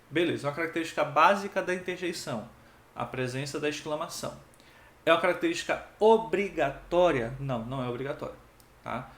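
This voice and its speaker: A male teacher giving a grammar lesson, acting out each example with expressive tones. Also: a little high. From Pernambuco, Brazil. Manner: lively, acts out each interjection with expressive tone. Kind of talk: exam-prep grammar lesson. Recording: echoey room.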